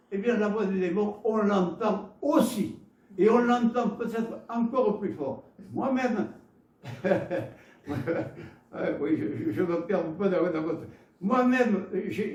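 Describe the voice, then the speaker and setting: A man's voice: sits high, reverberant, recorded from a distance. A man with a Gascon French accent preaching a sermon, often stumbling and repeating words as he tells homely stories. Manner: halting, repeats words, warm storytelling asides. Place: church hall.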